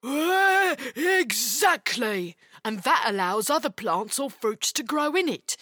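A woman's voice: fairly high pitch, sing-song, bright, forceful tone, dry recording, clean studio sound, full character voice. Woman doing a patient ogre. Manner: slow, patient explaining. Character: gentle, slightly gruff male ogre who teaches.

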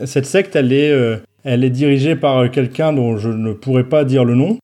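A man co-hosting a podcast, telling a dark topic with dry, mock-serious humour and frequent hesitations. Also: medium pitch, normal speed. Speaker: podcast co-host. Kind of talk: joking podcast chat.

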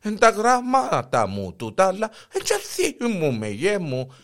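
A man's voice: high voice, huge pitch swings, fairly bright tone, full character voice. A man voicing a flustered elderly wife who stammers excuses, with a Cypriot Greek accent. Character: flustered old wife dodging blame.

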